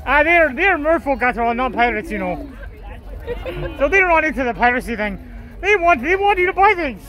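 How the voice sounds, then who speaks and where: Putting on a pirate act with growled "arr"s, a woman vlogger gives casual commentary while strolling an outdoor convention promenade. Her high-pitched voice is sing-song and fairly bright at a normal speed, on a low-quality recording with faint crowd chatter in the background.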